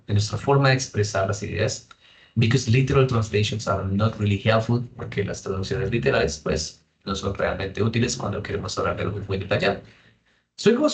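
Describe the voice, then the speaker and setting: A man teaching an online English class, saying each point in English and then in Spanish. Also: on the low side.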